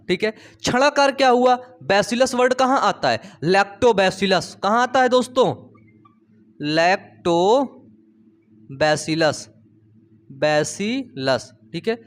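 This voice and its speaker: A man teaching biology in a playful storytelling way, asking his students questions and repeating the key terms. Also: high voice. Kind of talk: storytelling classroom lecture.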